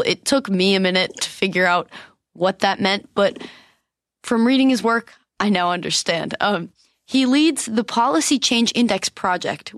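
Woman, podcast host, medium pitch, friendly intro and questions, dry close mic. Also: no room sound. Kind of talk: podcast interview.

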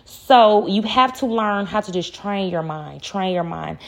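A woman's voice: mid-range voice, a little slow, vocal fry. A woman talking casually and earnestly to her viewers about faith, often repeating key phrases for emphasis. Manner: speaks directly to viewers as "y'all". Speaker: faith vlogger. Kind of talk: casual faith-based encouragement talk.

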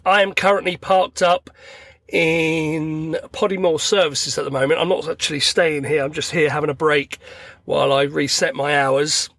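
A middle-aged man, croaky and tired from illness, rambling chattily as he hosts a podcast from his parked car. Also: a little high, steady tone, moderate pace, a bit bright, dry recording. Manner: rambling, chatty, acts out everyday dialogue. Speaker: podcast host. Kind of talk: casual solo podcast monologue. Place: parked car at a motorway services.

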